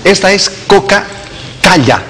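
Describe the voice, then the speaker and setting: A man's voice: sits high, expressive, measured pace, fairly bright tone. Didactic man explaining wordplay. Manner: didactic, playful with wordplay, chuckles often. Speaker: linguist guest. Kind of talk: TV studio interview. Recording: long hall reverb, faint noise.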